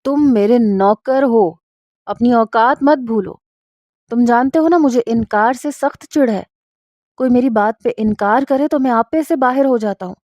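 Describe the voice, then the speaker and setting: Lady reading as a bossy mean husband, threatening and scornful, mellow voice, dry sound. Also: fairly high pitch, no echo, lo-fi sound, close to an everyday voice. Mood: angry. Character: harsh domineering rich young husband, short-tempered.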